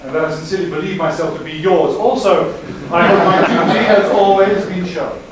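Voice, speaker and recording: Brief: actor as a nervous young officer, higher voice, stumbling and stammering, stage play heard far off in an echoey hall. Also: male voice, fairly even intonation, a little fast, noisy background, lightly acted. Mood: flustered. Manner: flustered, hesitant, theatrical stage delivery. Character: young male army captain, flustered, witty.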